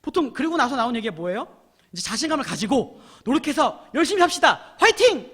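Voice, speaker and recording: A man, a youth pastor, giving a lively sermon to teenagers in casual speech, often acting out the people he quotes. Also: extremely high pitch, fast talker, breathy edge.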